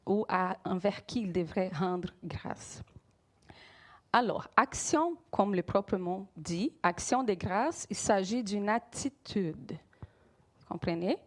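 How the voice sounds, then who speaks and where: Brazilian-accented woman preaching. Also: medium pitch. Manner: engaging, quizzes the congregation, repeats key words. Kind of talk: sermon.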